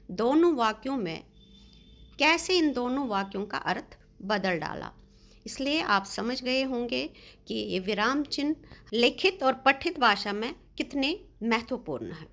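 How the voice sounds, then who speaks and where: A woman's voice: fairly high pitch, a bit bright. A woman teaching a lesson to children, explaining patiently and stressing her example sentences.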